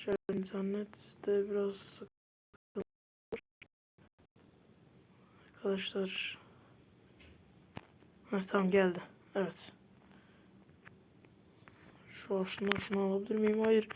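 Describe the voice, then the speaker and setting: A woman giving casual gameplay commentary who gets easily frustrated and bursts into loud protests. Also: medium pitch, noisy background. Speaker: gamer.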